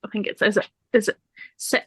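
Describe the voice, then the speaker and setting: A woman's voice: a little fast, no room sound. A woman from Ireland, a podcast guest talking openly in a casual chat and laughing often. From Northern Ireland. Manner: chatty and open, laughs often.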